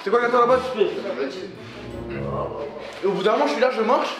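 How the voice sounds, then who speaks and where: A man's voice: extremely high pitch, fairly quick. A man hosting a vlog, chatting casually in informal French slang. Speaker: vlog host. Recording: echoey, music behind.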